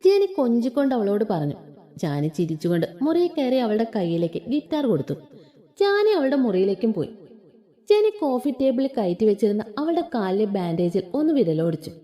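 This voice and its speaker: A woman reading a romance story aloud in a gentle, expressive way. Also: fairly high pitch, brisk. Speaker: story narrator.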